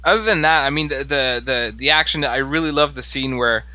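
A man's voice: mid-range voice, brisk, pushed and bright, dull audio. A man co-hosting a podcast, reviewing a comic in a hesitant way with many restarts. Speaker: podcast co-host. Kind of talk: casual comic book discussion.

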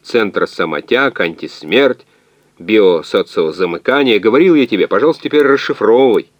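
A man's voice: fairly low pitch, expressive, measured pace, no room sound. A man reading an audiobook, voicing an impatient, irritable cybernetics scientist. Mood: irritated. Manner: impatient, sharp.

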